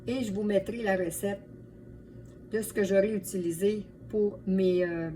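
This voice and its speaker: A woman's voice: medium pitch, fairly even intonation, unhurried, mellow, faint music behind. Quebec French woman, distant mic, chatty cook. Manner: chatty, addresses viewers as friends. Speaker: home cook and video host. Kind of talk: casual cooking demonstration vlog. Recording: distant mic, light background noise.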